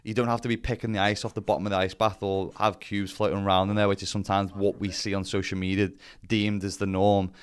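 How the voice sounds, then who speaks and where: A man's voice: fairly low pitch, flat delivery, fast, clear, resonant tone. A man giving a casual explainer as a vlogger, talking bluntly with some swearing and self-deprecation. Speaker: vlogger presenting to camera.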